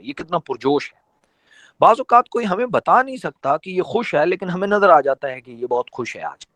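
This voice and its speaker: This is a man's voice, fairly high in pitch and recorded dry. He's a network marketing trainer delivering a motivational session to his team, teaching in an emphatic, conversational style full of rhetorical questions.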